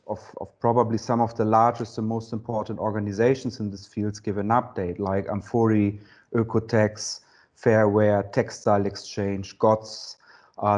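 A man speaking as a guest on a video call lays out a program in long lists, with enthusiasm and "uh" hesitations. His voice sits fairly low. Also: a little mellow. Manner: enthusiastic, listing items with "uh" hesitations. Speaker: guest, co-founder and CEO.

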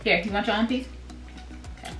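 A woman's voice: medium pitch, a little fast. A woman casually chatting and explaining the snacks she brought home for a family tasting. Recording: echoey room with music behind.

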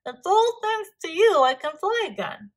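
A small, cheerful puffin from a storybook, voiced by a woman reading aloud. He speaks in a bright, steady voice that stays calm and plain. He sounds lightly pleased rather than excited. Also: sits high, slow, pitched above the performer's own voice, exaggerated voice. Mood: happy. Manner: calm, matter-of-fact, then cheerful. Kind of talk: children's storybook read-aloud.

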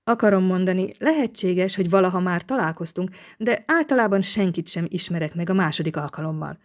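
A woman's voice: lowish voice, animated, close to an everyday voice. A woman reading an audiobook, voicing a stubborn male writer who speaks coolly and sounds offended. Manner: cool, offended.

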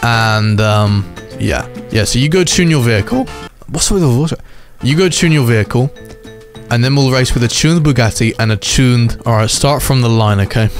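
A man's voice: medium pitch, normal speed, soft background music. Hyped young man calling game races. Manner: hyped, says "bro" a lot, jumps into shouts at race finishes. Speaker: gaming YouTuber. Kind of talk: excited gameplay commentary.

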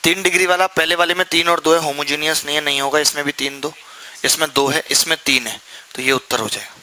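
A man's voice: fairly high pitch, steady tone, quick pace, sharp tone, rough recording. A young man teaching a maths class, asking the students questions and answering them himself, with jokey, chatty asides. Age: young adult. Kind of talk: classroom lecture.

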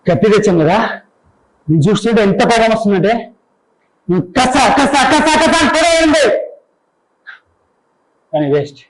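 A man's voice: high-pitched, lively intonation, normal speed, pauses often, low-quality recording. A man doing a bitter, jilted young lover. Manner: bitter, taunting. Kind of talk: audition monologue.

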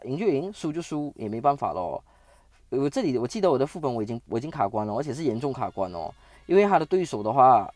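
A man's voice: medium pitch, no echo. Chatty man. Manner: chatty, excitable, with frequent sentence-final particles and stammered restarts. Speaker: game channel host. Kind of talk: casual gameplay commentary.

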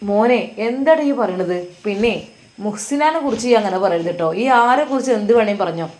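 A woman's voice: mid-range voice, animated, a little fast, darkish tone, lightly acted. A woman doing a tender, coaxing old father. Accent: Malabar Malayalam.

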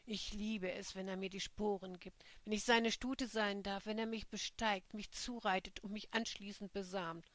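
A woman's voice: mid-range voice, steady tone, moderate pace, fairly bright tone, no room sound, close to an everyday voice. Woman reading as a frank, brazen young woman. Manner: frank and unashamed. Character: bold young woman confessing kinky secrets.

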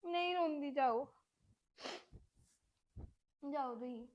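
A woman's voice: extremely high pitch, steady tone, normal speed, dull audio. A woman playing a hurt, tearful young bride in a family drama. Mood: withdrawn. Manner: plaintive, wounded. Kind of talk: amateur family drama acting.

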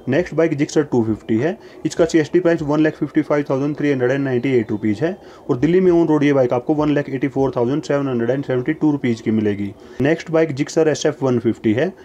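A male narrator reads price lists briskly in a scripted voice-over played over price slides, giving every entry the same steady, formulaic pattern. His medium-pitched voice is warm and mellow, and his delivery stays even and matter-of-fact. The recording is muffled, with slight background noise.

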